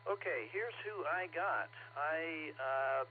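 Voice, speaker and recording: A man running an amateur radio net as net control, talking in a halting way with many filler pauses, heard over a two-way radio repeater with static. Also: fairly high pitch. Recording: tinny radio channel with light static.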